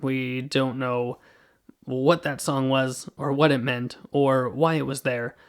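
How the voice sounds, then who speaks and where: Male podcast host, casual rambling review, clean resonant voice, mid pitch. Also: little pitch movement, takes it slowly, smooth. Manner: casual, rambling, self-correcting. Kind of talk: solo movie review podcast.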